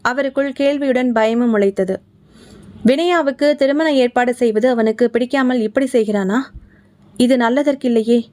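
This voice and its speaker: A woman's voice: a little high, moderate pace, darkish tone. A woman with a Tamil accent, reading a horror story aloud and voicing each character herself. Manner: voices every character herself. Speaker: audiobook narrator. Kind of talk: scripted storytelling narration.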